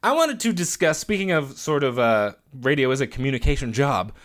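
A man in his thirties co-hosting a podcast in casual chat, animated and laughing often. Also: medium pitch, fairly quick. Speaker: podcast co-host.

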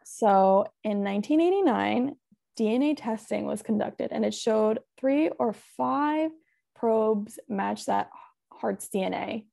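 A woman's voice: a little high, animated, takes it slowly, gravelly, dark tone. A young woman podcast host telling a true-crime case in a chatty, casual way, full of "like" and "um". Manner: chatty, full of "like" and "um", laughs often.

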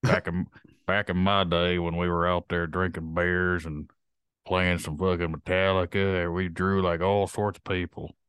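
Low-voiced man ranting bluntly. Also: little pitch movement, measured pace, a bit bright, clean tone, dry recording. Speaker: podcast host. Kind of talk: casual chat.

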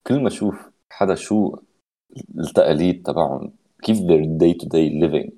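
A low-voiced man with a Lebanese accent and a dark, mellow tone speaks in casual podcast style. He moves freely between Arabic and English as he talks. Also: moderate pace, poor audio. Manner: mixes Arabic and English mid-sentence.

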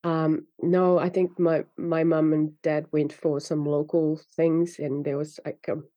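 A Finnish woman, an author appearing as a guest, chats casually in her native-Finnish-accented English during an interview. Her voice sits low and dark with a level tone and measured pace, recorded dry. She rambles, laughs often, and fills her talk with fillers and restarts.

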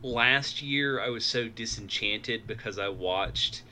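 A man's voice: lowish voice, takes it slowly, bright, forceful tone, slight background noise. A man co-hosting a podcast in casual chat, making dry asides between laughs. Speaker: podcast co-host.

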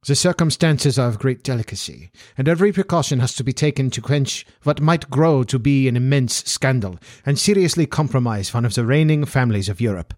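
A man's voice: medium pitch, lively intonation, fairly quick, hardly any pauses, darkish tone, dry recording, clean studio sound, close to an everyday voice. A man voicing a large, haughty and agitated Bohemian nobleman in a storybook, speaking in a pompous, formal way. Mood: grave, secretive.

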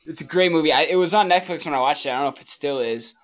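A man co-hosting a casual podcast, talking in an animated, easygoing way. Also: on the high side, rapid-fire. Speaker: podcast co-host. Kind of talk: casual chat.

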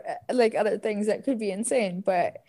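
A woman co-hosting a podcast, mostly reacting with quick remarks. She laughs often and keeps her turns short in a casual chat. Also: medium pitch, mellow. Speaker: podcast co-host.

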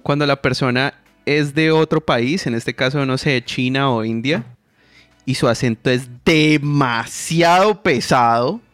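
A man's voice: mid-range voice, unhurried, fairly bright tone, clear, resonant tone, no echo, faint music behind. Man, blunt and crude, dry sound. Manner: frank, crude, swearing, teasing. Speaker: podcast co-host, interpreter. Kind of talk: casual podcast chat.

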